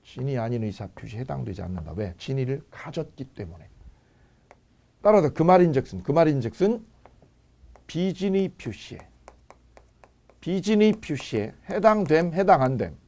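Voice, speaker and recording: A man's voice: mid-range voice, sing-song, normal speed, vocal fry, long pauses, warm tone. A man teaching a law lecture for exam prep, firing rhetorical questions and repeating key phrases.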